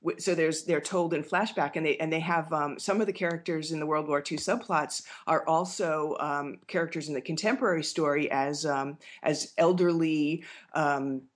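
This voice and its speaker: A woman's voice: deep voice, steady tone, normal speed, few pauses. A woman author chatting casually, full of fillers, restarts and bubbly laughter. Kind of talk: casual conversation.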